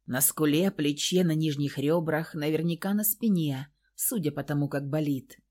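Woman narrating in a low voice. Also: moderate pace, a little mellow. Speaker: audiobook narrator. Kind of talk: first-person audiobook narration.

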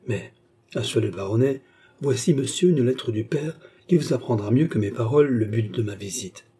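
A man reading aloud as a scheming, smooth-talking English baronet who speaks with courteous self-assurance. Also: mid-range voice, moderate pace, dark tone, close to an everyday voice. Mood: persuasive.

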